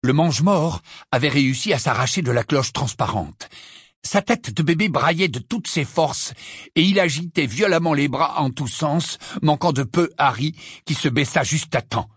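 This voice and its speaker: A man reading an audiobook aloud with dramatic, expressive narration. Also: a little high, normal speed, breathy edge, no room sound, clean studio sound.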